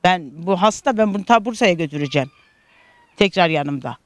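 A woman's voice: on the low side, expressive, brisk, no echo. A middle-aged woman from Turkey telling a news interviewer about her struggles, in an aggrieved, repetitive storytelling manner full of reported speech. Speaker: interviewee, caregiving daughter.

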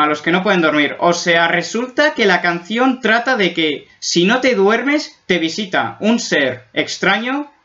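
A man's voice: high voice, sharp tone. A man from Spain doing a casual video reaction, joking and exaggerating as he gets spooked, on a dull lo-fi recording. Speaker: YouTube reactor.

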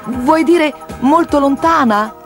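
High, bright-eyed storybook child, full of questions, read by one storyteller. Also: takes it slowly, soft background music. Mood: eager.

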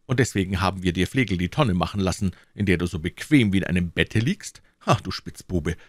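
A man reading aloud and voicing a crowd of foolish townsmen shouting indignantly. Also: medium pitch, expressive, normal speed, no room sound, studio quality, pitched above the performer's own voice, lightly acted.

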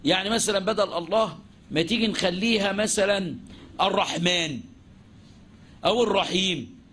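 A man's voice: high voice, moderate pace, a bit bright, a little hiss or hum. A man with an Egyptian accent teaching Islamic jurisprudence, asking and answering his own questions and mixing formal and colloquial speech. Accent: Egyptian Arabic. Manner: mixes formal classical phrasing with colloquial speech. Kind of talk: religious lesson.

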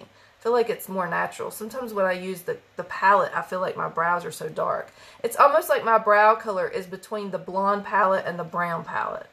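A woman's voice: medium pitch, gravelly, a bit bright. A woman from West Virginia with a country accent, chatting casually with viewers during a live makeup stream and greeting them by name. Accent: Appalachian country.

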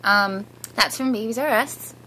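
A woman with a bright, clear voice pitched fairly high talks through a casual home haul vlog. She chats in an upbeat, giggly way, recorded on a handheld camera indoors with a faint hum of room noise behind her. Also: unhurried, low-quality recording. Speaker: vlogger. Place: living room floor, indoors. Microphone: handheld camera filming from above.

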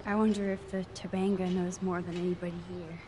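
A woman plays a quiet teenage girl in a video game who talks in a soft, hushed, hesitant way. Her voice sits a little low, and clear background noise runs under the game audio. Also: level tone, a little fast, natural voice.

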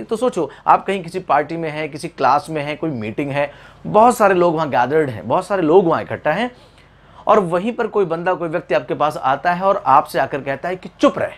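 A man with an Indian English accent teaches vocabulary to camera, switching between Hindi and English as he goes. His voice sits a little high for a man, and he keeps asking the class questions, answering them himself and repeating each point. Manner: repeats key points, instructive and lively.

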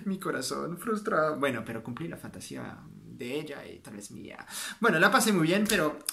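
Chatty French man, slightly high voice. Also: brisk, gravelly, slight background noise. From France. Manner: animated, chatty, self-mocking. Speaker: vlogger. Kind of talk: casual storytelling to camera.

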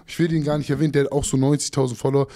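A man speaks in a blunt, scornful way as a coach answering critics in casual talk. His voice is mellow and dark, at an ordinary middle pitch. He keeps tagging his points with a quick "you know?". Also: little pitch movement.

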